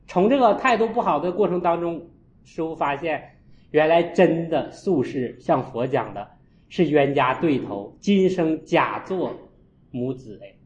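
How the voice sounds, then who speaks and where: A man, a Buddhist monk, giving a storytelling dharma talk and acting out his own scolding with sharp jumps in voice. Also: on the high side, expressive, unhurried. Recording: echoey, dull lo-fi room.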